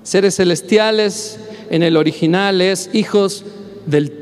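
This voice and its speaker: A man preaching a sermon as pastor, impassioned and building to shouts. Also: high-pitched, takes it slowly, clean tone. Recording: long hall reverb, faint music behind.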